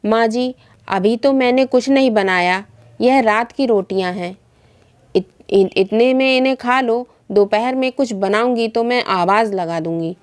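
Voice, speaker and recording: A busy younger daughter-in-law who answers in a hurried, mildly apologetic way, voiced by a woman reading the tale. Her voice sits slightly high. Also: smooth, lightly acted.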